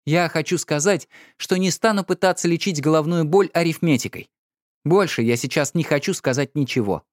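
A man reading an audiobook, voicing an irritable, distraught young noblewoman with sharp, exasperated outbursts. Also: on the high side, normal speed, no room sound, clean studio sound, voice pushed up, natural voice. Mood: cold, weary.

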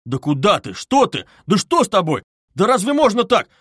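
A man voicing an excitable, loyal young friend who talks loud and flustered. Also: high-pitched, moderate pace, husky, dry recording, clean studio sound, voice pushed up, full character voice. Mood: agitated.

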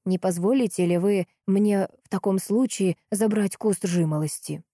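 Narrator doing a gentle old villager, timid, slow and kind. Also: female voice, medium pitch, dry recording, clean studio sound, lightly acted. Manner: gentle and shy. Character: shy, kindly old village man.

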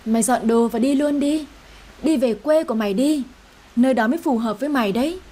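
A rude, sneering young woman, as a female storyteller puts her on, spitting out insults. Her voice sits a little high and sounds husky and mellow. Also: a little fast. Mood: gloating. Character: young woman, rude and spiteful sister-in-law.

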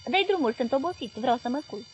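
A woman voicing a loud, blustering man who owns a newspaper, talking in a bellowing, impatient way. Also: extremely high pitch, expressive, faint music behind, pitched above the performer's own voice.

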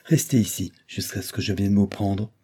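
Casting: sober, loving father, read by a man, measured and gentle. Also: fairly low pitch, fairly even intonation, slightly rough. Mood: tender. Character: grave, tender widowed father, a lawyer.

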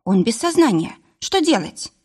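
A woman reading an audiobook, voicing a panicky, excitable young woman who cries out in shrill, frantic bursts. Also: moderate pace, husky. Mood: anxious.

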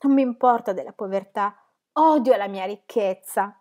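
A woman reading aloud, voicing a gentle, sincere young woman with a clear, sweet voice who speaks softly and pleads. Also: medium pitch, normal speed, natural voice. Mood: pleading. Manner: soft, pleading.

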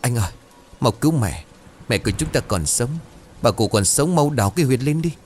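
A man's voice: mid-range voice, lively intonation, fast talker, a little hiss or hum, close to an everyday voice. A man doing a frantic grieving son. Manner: desperate, shouting.

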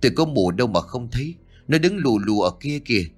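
Man doing a scared young wife, snappy and jumpy, soft music behind. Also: medium pitch, lively intonation, brisk, natural voice. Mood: frightened. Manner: anxious, snappish questioning. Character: young village wife, frightened and sharp-tongued.

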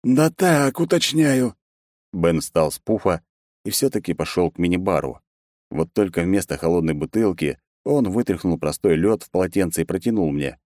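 Wry low-voiced male audiobook narrator. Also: brisk, warm tone, no echo, clean studio sound. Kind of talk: first-person audiobook narration.

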